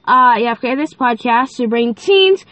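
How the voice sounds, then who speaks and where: Hosting her own faith podcast, this fifteen-year-old girl talks casually at a normal pace in a slightly high, fairly bright voice with lively intonation and a lilt. She's bubbly, chatty and playful, using many fillers, and her voice is stuffy and nasal. The recording is dry.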